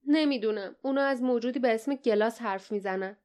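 A woman's voice: fairly high pitch, a little mellow, clean tone, lightly acted. A woman voicing a miserable young captive man. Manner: miserable, anxious. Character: weary, frightened young male captive.

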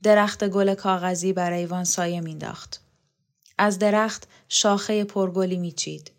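A woman reading a novel aloud, voicing a devoted, wistful man who recalls the past in a soft, dreamy way. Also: lowish voice, fairly even intonation, natural voice. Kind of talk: audiobook character reading.

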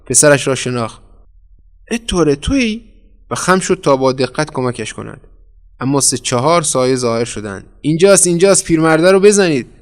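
Male storyteller, steady mid voice, measured dramatic narration. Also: medium pitch. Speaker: audiobook narrator. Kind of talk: scripted narration.

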